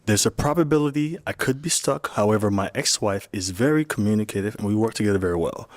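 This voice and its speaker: A man, a dating show contestant speaking in a formal, measured, polite way. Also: fairly low pitch, expressive. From Liberia. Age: 30s. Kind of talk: casual chat.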